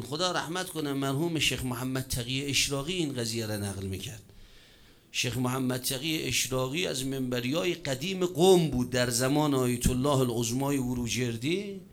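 A man preaching a sermon, telling a story with joking asides and sudden shifts in pace and loudness. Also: fairly high pitch.

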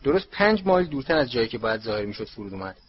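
A man's voice: mid-range voice, very animated, recorded from a distance, a little hiss or hum, close to an everyday voice. A man voicing a mischievous teenage boy twin in a storybook reading. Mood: teasing. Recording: dull lo-fi recording.

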